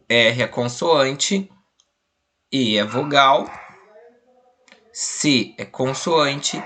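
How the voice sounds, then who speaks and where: A man's voice: mid-range voice, sharp tone, slight background noise. Patient Brazilian male teacher. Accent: Brazilian Portuguese. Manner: patient, spells out letters and syllables slowly. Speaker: primary school teacher. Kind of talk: online class walkthrough.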